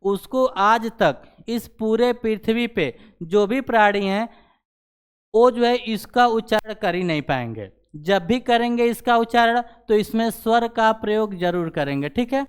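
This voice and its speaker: A man's voice: high-pitched, expressive, a little slow, clean tone. A man teaching grammar in a classroom style, asking questions and answering them himself, and saying "theek hai" again and again. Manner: repeats "ठीक है" after nearly every sentence.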